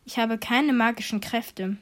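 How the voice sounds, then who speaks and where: A woman voicing a young, kind princess in a storybook tale, speaking gently and with wonder. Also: fairly high pitch, unhurried.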